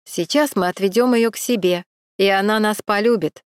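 A woman's voice: mid-range voice, normal speed, smooth, no room sound, close to an everyday voice. Woman reading a leering drunk sidekick lout, goading, dry close audiobook sound. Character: tipsy leering young male thug, the sidekick.

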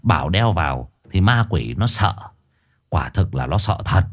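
A man's voice: sits low, sing-song, measured pace. A man narrating a ghost story in a colloquial, crude and dramatic manner.

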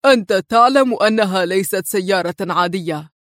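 A woman reading a storybook who voices an irritable male security chief with a curt, sharp manner. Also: medium pitch, fairly quick, no echo, clean studio sound, natural voice. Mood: irritated.

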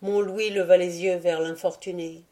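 Woman reading history in a low, mellow voice. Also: fairly even intonation, normal speed. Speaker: audiobook reader. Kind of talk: scripted narration of a history book.

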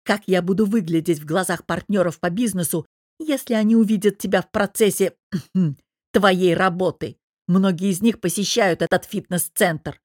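A woman's voice: fairly low pitch, moderate pace, no room sound, studio quality, lightly acted. A woman doing a growling, jealous young husband. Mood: angry shouting. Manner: growling, barking, hissing through teeth. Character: angry domineering jealous young businessman husband.

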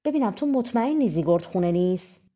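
A woman's voice: mid-range voice, lively intonation, dark tone, close to an everyday voice. A woman reading a storybook and voicing a menacing ogress sister who roars and accuses. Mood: sly. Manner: roaring, accusing. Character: menacing female ogress, sly and threatening.

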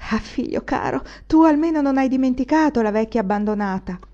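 A woman's voice: high voice, animated, brisk, mellow, voice pushed up. A woman voicing an old widow who dotes on a young man she has not seen in years, pleading and affectionate in a dull recording. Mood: pleading, doting.

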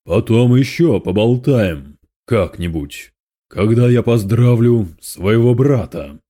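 A man's voice: medium pitch, lively intonation, slow pace, mellow. A man reading aloud, voicing a spiteful male demon lord who hisses and gloats with scorn. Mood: mocking.

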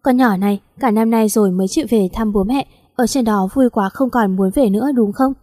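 A woman voicing a gently teasing, caring father in a read-aloud story. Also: on the high side, fairly quick, no room sound, studio quality, close to an everyday voice.

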